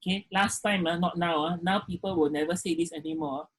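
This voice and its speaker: Man, husky voice, lecturing over a video call, peppers talk with "okay". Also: on the high side, steady tone, a little fast, a bit bright, low-quality recording. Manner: frequent "okay" fillers, questions students directly. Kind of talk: online class lecture.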